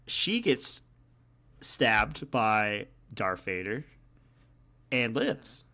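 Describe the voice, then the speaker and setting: Guy hosting a podcast, lively up and down voice, rambly and laughing a lot. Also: lowish voice, very slow. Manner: rambling, laughs often, many fillers. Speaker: podcast host. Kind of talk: casual chat.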